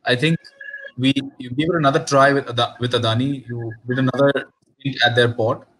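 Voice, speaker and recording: A man with an Indian accent speaks quickly in a casual interview, often doubling back on words as he makes a point. His pitch is average, with faint ambient noise behind him. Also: fairly even intonation, fairly bright tone, rough recording. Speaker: interviewer and investor.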